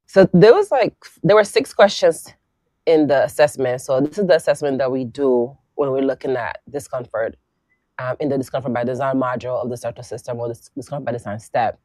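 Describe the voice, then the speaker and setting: A woman hosting a casual conversation, reflective and lively, laughing often. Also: very deep voice, fairly quick, no room sound. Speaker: podcast host and coach.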